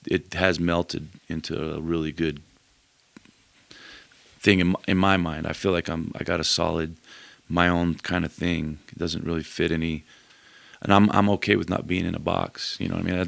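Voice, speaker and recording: A man's voice: low-pitched, gravelly, no room sound. A man talking about his music as a podcast guest, loose and rambling with many fillers. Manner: relaxed, rambling, full of fillers. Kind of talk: casual interview chat.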